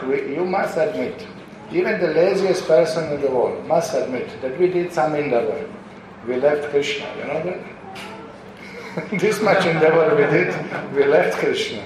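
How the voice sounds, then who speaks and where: A man from Europe giving an informal spiritual question-and-answer talk as a visiting preacher, telling anecdotes, saying "you know" often and acting out the voices he quotes. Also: on the high side. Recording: very echoey room with clear background noise.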